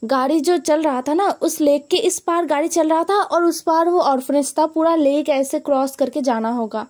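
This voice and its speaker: A woman's voice: high voice, moderate pace, darkish tone. A woman retelling a story in a casual, chatty way, often stopping to explain with asides. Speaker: story narrator.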